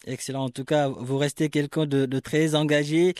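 A man hosting a radio interview, asking formal, measured questions. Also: a little high, flat delivery, a little mellow, no room sound, clean studio sound. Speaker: radio show host.

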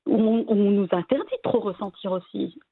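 A woman from Belgium, a guest talking casually and hesitantly about her family, with many pauses and restarts. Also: mid-range voice, breathy edge, dry recording. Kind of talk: casual interview conversation. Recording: tinny phone-like line.

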